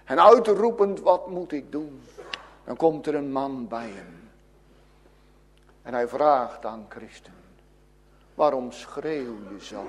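A man preaching a sermon in a fervent way, moving between loud pleading and hushed, low passages. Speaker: pastor.

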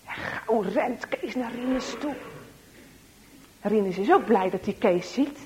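A woman reads a children's story aloud at an unhurried, deliberate pace. Her voice sits fairly high, and she tells the tale with expressive shifts, sometimes sinking into a hushed whisper for suspense. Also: a little hiss or hum.

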